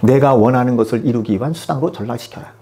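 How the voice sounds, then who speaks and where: A man's voice: mid-range voice, fast, crowd noise. A man preaching a sermon as pastor, emphatic and full of rhetorical questions to the congregation.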